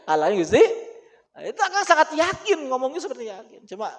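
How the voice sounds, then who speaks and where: A man with a Sundanese accent teaching an Islamic book study, animated and laughing often as he mixes languages. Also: extremely high pitch, normal speed. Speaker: religious teacher.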